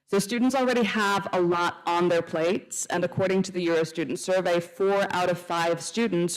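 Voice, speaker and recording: A young woman from Iceland, a student council panelist, answering a panel question in a measured way and citing survey figures with frequent fillers. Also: lowish voice, low-quality recording.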